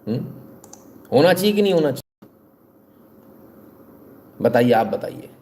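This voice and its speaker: A man's voice: medium pitch, sing-song, a little slow, a little mellow. A man hosting live news commentary, talking straight to viewers with sarcastic, rhetorical questions.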